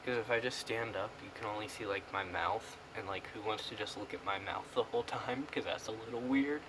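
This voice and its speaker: Young American man, lip packed, low voice. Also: brisk. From United States. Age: young adult. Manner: talking with a pouch tucked in his upper lip. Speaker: product reviewer. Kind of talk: casual rambling vlog. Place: small room indoors. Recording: clear background noise on camera mic.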